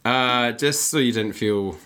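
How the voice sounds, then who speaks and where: A man's voice: medium pitch, slow pace, pushed and bright, slight background noise. A man hosting a podcast, chatting playfully over a dram and chuckling as he teases his guest. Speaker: podcast host. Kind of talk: relaxed conversation over drinks.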